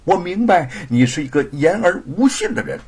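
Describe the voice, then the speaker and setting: A man's voice: sits high, sing-song, moderate pace, darkish tone, breathy edge, voice pushed up, exaggerated voice. A man playing a sly, passionate scholar. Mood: stern teasing. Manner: dramatic, swings from pleading to stern.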